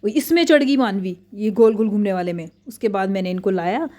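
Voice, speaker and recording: Chatty mellow-voiced mom vlogger. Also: female voice, medium pitch, brisk. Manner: chatty, excitable storytelling. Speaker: family vlogger and mother. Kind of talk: casual chatty vlog narration.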